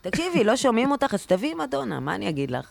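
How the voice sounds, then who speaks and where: A woman chatting casually on a podcast, telling stories in an animated, indignant rant. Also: a little high, vocal fry.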